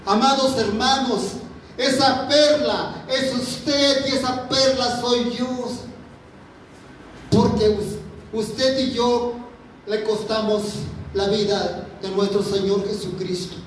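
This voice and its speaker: A man's voice: very high-pitched, fairly even intonation, takes it slowly, slight background noise. A man preaching a fervent sermon to a congregation, repeating his phrases as he addresses them. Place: church. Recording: very echoey hall, mic from far off.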